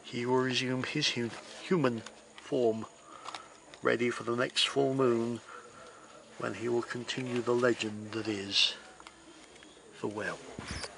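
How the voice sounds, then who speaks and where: A man delivering card magician patter as spooky storytelling, with theatrical, deliberate phrasing and dry humour. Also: medium pitch, fairly even intonation, creaky, heavy background noise. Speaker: magician presenting a trick of the week.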